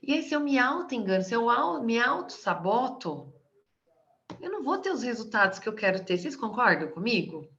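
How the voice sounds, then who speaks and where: A woman's voice: on the high side, big pitch swings, moderate pace, a bit bright. A middle-aged Brazilian woman coaching on sales, talking conversationally and often asking her audience questions. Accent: Brazilian Portuguese. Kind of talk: live coaching talk to an audience. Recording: slightly dull lo-fi audio.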